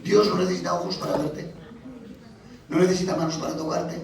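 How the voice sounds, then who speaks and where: A man's voice: high-pitched, little pitch movement, brisk, creaky, darkish tone. A man preaching a sermon in a church, teaching through questions and vivid examples, recorded from far off in a very echoey hall.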